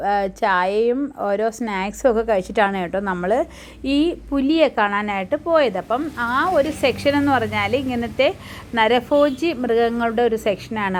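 Chatty woman narrating a family vlog. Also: on the high side. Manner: chatty, keeps checking in with the listener. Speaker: vlogger and mother. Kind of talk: casual voice-over narration.

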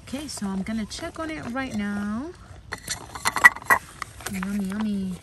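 By a campfire outdoors, a young vlogger chats her way through making a camp meal, narrating each step for viewers from a little distance from her camera. Her mid-range voice is expressive and unhurried, and the recording is very noisy.

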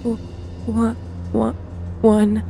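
A woman's voice: on the high side, moderate pace, music in the background, close to an everyday voice. A woman voicing a terrified young female casino dealer who stammers in a faint, resigned voice.

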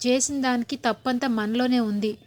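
A woman voicing a scheming middle-aged mother who calmly lectures her daughter in a retold serial scene. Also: a little high, moderate pace, natural voice. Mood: cautioning.

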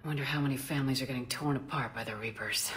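A North American actress playing a composed, supportive military commander in a video game, measured and concise. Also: female voice, a bass voice, a bit bright, a little hiss or hum. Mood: concerned. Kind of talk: naturalistic game dialogue acting.

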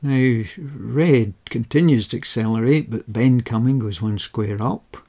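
A man speaking at an unhurried, deliberate pace, with a gravelly, husky edge to his voice. His tone is dark and mellow, and he talks in a measured, methodical way with a touch of dry understatement. It sounds like a close-mic voice-over. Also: mid-range voice. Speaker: game rules explainer. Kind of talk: slow explanatory voice-over.

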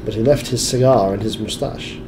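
A man's voice: lowish voice, fairly even intonation, fairly quick. Guy gaming and joking around crudely, rambly, noisy home mic. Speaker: let's play gamer. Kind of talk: crude improvised banter over gameplay. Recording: home recording with clear background noise.

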